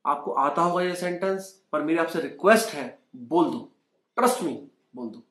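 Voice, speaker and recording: A man's voice: on the high side, normal speed, fairly bright tone. Indian man teaching English, echoey room. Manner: coaxing, asks learners to repeat aloud. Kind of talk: Hindi-English language lesson. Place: indoors at home.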